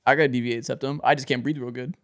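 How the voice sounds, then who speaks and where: A man hosting a casual podcast, talking fast with a congested, blocked-nose sound like a broken nose. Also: mid-range voice, fairly even intonation. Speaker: podcast host. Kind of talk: casual banter.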